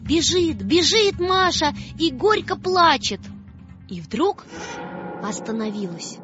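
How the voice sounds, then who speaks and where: Slow, expressive woman reading a children's tale. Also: high-pitched. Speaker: storyteller. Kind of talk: scripted storybook narration. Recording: dull lo-fi sound with faint music.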